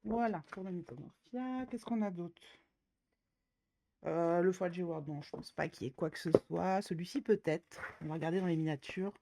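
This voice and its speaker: Leafing through coloring books, this YouTuber talks casually in a lowish, creaky, mellow voice at normal speed. A cold makes her slightly nasal, and her chatter is slangy, self-deprecating, and full of fillers.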